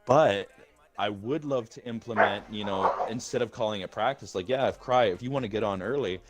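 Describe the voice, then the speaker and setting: Over loud music, a man who leads a gaming group chats casually on voice chat in a rambling, profane way, frequently restarting what he says. His voice is on the low side and his pace is brisk.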